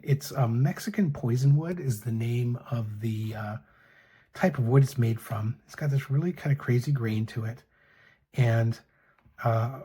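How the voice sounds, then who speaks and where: A middle-aged man casually reviewing fountain pens and inks, talking in a soft, hesitant way with many fillers and restarts. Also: mid-range voice, slightly rough. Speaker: pen and ink reviewer. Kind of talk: casual show-and-tell review.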